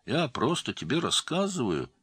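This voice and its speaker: A man's voice: medium pitch, huge pitch swings, normal speed, a bit bright, husky, no echo, clean studio sound, pitched above the performer's own voice, exaggerated voice. A man doing a sly, prying cellmate. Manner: prying and falsely good-natured, raised voice. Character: sly, probing male cellmate informant.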